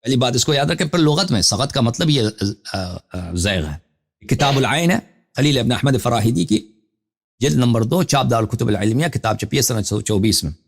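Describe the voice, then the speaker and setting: Hosting a live call-in program, this Shia cleric speaks in a creaky, mid-range voice with lively intonation. He delivers a scholarly lecture, reading Arabic sources, explaining them in depth, and questioning the caller.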